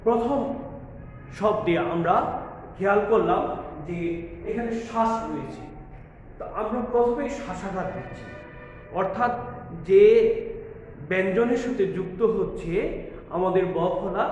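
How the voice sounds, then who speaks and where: High-voiced man teaching in an echoey room. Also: a little mellow, slight background noise. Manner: patient, repeats each point to the students. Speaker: college Bengali teacher. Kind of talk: recorded classroom lecture. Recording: echoey, dull lo-fi room recording with long reverb.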